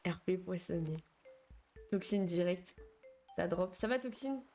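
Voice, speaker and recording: A woman's voice: on the low side, unhurried, warm tone. A young woman streamer chatting casually and slangily with her viewers while she plays, answering their messages as they come in. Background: faint game music.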